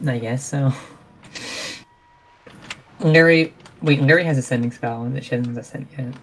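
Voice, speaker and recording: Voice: medium pitch, measured pace, a little hiss or hum. A player in a tabletop role-playing game, chatting casually and speaking for their character.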